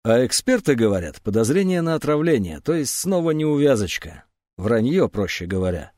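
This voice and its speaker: A man's voice: medium pitch, very animated, moderate pace, darkish tone, dry recording, close to an everyday voice. A man reading an audiobook, voicing a suspicious middle-aged man who questions a boy in a dry, probing way.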